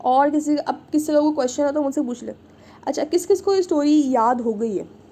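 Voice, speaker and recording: A woman's voice: high voice, fairly quick, warm tone. A woman teaching an online Arabic class, patiently repeating and checking in with her students. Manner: patient, repeats "ठीक है" often.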